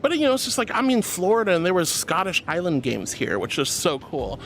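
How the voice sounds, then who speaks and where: A woman's voice: fairly low pitch, sing-song, brisk, a little hiss or hum. A woman hosting a casual livestream, reading chat aloud and replying affectionately with pet names, often giggly. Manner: affectionate, uses pet names like honey and sweetie; giggly, laughs often while talking. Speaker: livestream host.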